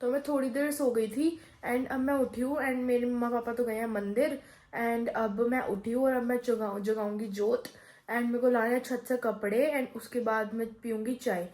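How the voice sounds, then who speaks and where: Speaking at a moderate pace with a slightly high, mellow, fairly even voice, this young vlogger talks to camera despite a sore throat. She blends English words into her Hindi, addresses her audience as "guys," and films in the kitchen and on the rooftop of her family home. The sound is roomy and low in quality.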